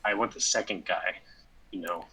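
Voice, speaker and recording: A man co-hosting a casual sports podcast, rambling with lots of fillers and sudden animated bursts. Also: sits low, normal speed, husky, poor audio. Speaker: podcast co-host.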